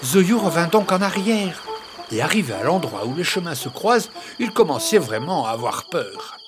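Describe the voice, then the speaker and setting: A man narrating a children's tale in an expressive storytelling manner. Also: on the high side, moderate pace, over music.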